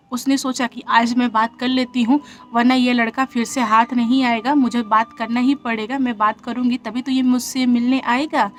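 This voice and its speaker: A woman narrating a horror story in a conversational way, talking straight to her listeners. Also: a little high. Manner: conversational retelling, addresses listeners as friends. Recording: music bed behind the voice.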